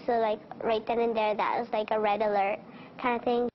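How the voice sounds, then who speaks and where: A woman's voice: a little high, level tone, brisk, a little hiss or hum. A young woman interviewed for a news report, her voice electronically altered to hide who she is, speaking hesitantly with casual fillers. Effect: voice electronically altered to disguise her identity. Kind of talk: recorded interview clip. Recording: dull lo-fi news audio.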